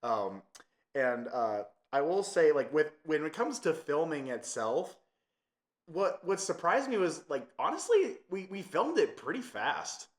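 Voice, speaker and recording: A man's voice: a little high, big pitch swings, measured pace. A young man hosting a podcast, chatting casually with lots of fillers. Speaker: podcast host. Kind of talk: casual chat.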